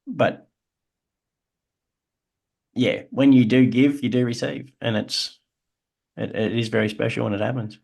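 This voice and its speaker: A man's voice: medium pitch, fairly even intonation, a little slow, vocal fry, long pauses, a little mellow, slightly rough. An Australian man, podcast co-host, telling his own story in an earnest, reflective way. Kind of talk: casual chat.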